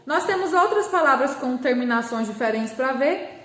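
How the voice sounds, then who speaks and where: A Brazilian woman gives a lesson to young children, patiently sounding out each word syllable by syllable. Her voice sits high. The recording carries a noticeable room echo. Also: lively intonation, fairly bright tone. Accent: Brazilian Portuguese. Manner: patient, slow, spells words out syllable by syllable. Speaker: primary school teacher. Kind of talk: remote class lesson.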